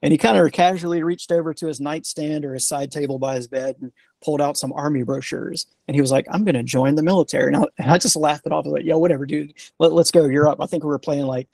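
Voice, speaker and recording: A retired Army sergeant, a man, being interviewed, telling stories in a relaxed, rambling way full of fillers and restarts. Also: a little high, fast talker, vocal fry, no room sound. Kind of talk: casual storytelling interview.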